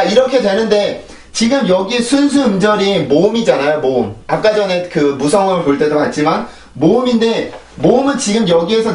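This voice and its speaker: Man teaching pronunciation in an echoey room. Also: high voice. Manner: explains step by step, repeats drill words three times, checks in with "알죠?". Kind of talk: pronunciation lesson. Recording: echoey room, voice a bit far from mic.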